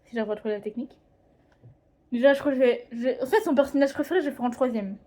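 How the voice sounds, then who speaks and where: A woman's voice: fairly high pitch, fast talker, mellow. A teenage girl chatting casually in a home drawing vlog, rambling, hesitant and often correcting herself. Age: teens. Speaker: drawing vlogger. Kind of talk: casual chat. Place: home, indoors.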